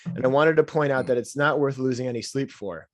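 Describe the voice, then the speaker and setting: A man in casual podcast chat, reading out an email and cutting in with dry, sarcastic remarks. His voice is mid-pitched and recorded close and dry, with no room sound. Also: brisk, dry recording. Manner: sarcastic asides while reading aloud. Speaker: podcast co-host.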